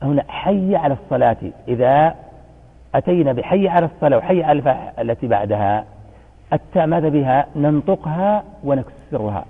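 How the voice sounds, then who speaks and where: A man's voice: mid-range voice, animated, fast. A man giving a religious lesson, quizzing his students and answering his own questions. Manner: chants the call to prayer in demonstration. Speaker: religious teacher. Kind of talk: classroom lesson. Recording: tinny phone-like sound in a reverberant hall.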